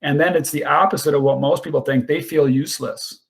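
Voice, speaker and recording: A man's voice: fairly high pitch, fairly even intonation, a little fast, creaky. A man hosting a podcast, talking in an earnest, casual way with frequent restarts and repeated words. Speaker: podcast host.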